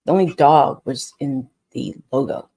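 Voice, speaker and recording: A woman's voice: very deep voice, a little slow, vocal fry, warm tone, breathy edge, no room sound. A woman dog trainer in casual, unscripted talk, blunt and frustrated, rambling with frequent restarts. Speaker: scent work dog trainer.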